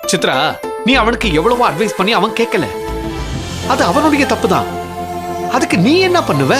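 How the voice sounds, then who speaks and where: A middle-aged actor playing a calm father who reassures and comforts his daughter, in a TV serial scene. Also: high-pitched, normal speed. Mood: consoling. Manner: consoling, reassuring. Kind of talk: TV serial acting. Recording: distant voice over loud music score.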